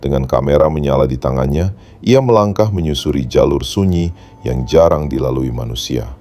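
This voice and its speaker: A man's voice: extremely low pitch, normal speed, dark tone. A man reading a scripted horror story as narrator, in a solemn, dramatic storytelling manner.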